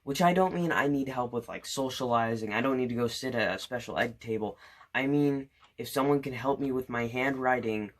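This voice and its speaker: A young man in his late teens rants to camera about his grievances, sarcastic and indignant. His pitch sits in the middle. He stumbles over restarts and leans on fillers as he builds his case. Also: brisk. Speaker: student vlogger. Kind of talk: opinion rant to camera.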